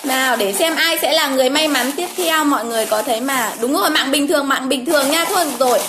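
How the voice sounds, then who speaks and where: A fast-talking woman with a high-pitched voice draws giveaway winners on a casual home livestream, with background noise present. Chatty and exclamatory, she calls out names again and again.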